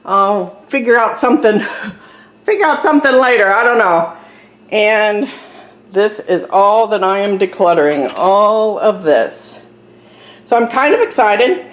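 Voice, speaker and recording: Slow, chatty woman in an echoey kitchen. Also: medium pitch, expressive. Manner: chatty and rambling. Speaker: vlogger. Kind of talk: casual decluttering vlog. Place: home kitchen. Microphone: camera on a tripod. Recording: echoey room with faint noise.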